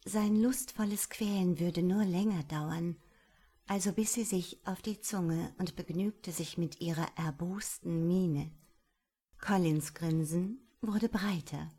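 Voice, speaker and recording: Brief: a female audiobook reader, intimate and breathy, slightly low voice. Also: takes it slowly, dark tone. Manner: breathy, intimate, at times half-whispered. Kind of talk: audiobook narration.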